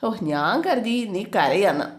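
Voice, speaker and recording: A woman's voice: mid-range voice, lively intonation, slow pace. A woman doing a mild patient husband. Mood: questioning.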